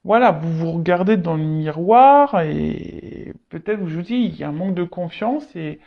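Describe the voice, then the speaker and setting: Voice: mid-range voice, expressive, normal speed, creaky, highs cut off. A tarot reader giving an unscripted reading straight to viewers, often stalling, repeating words and leaning on fillers.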